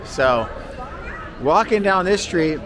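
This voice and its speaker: A man's voice: sits high, lively intonation, slow pace. A man talking casually as a travel vlogger, walking city streets and pubs with a handheld camera. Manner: casual, chatty, slangy. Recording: street crowd and music behind.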